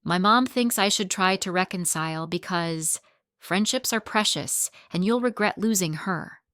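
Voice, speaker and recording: A woman reading a first-person story aloud in plain, steady storytelling. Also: mid-range voice, a little slow, no echo, studio quality. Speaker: narrator.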